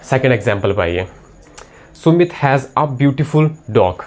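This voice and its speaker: A man gives a grammar lesson in a medium-pitched voice. He talks his students through each point, repeats the key words and asks questions that he answers himself. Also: darkish tone. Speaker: English grammar teacher. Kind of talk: classroom lesson explanation.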